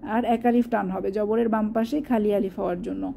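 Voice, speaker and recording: A woman teaching Quran recitation step by step, stretching out each recited word slowly before explaining it. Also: medium pitch, fairly even intonation, creaky, mellow, a little hiss or hum. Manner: slow, drawn-out demonstration of recited words between explanations.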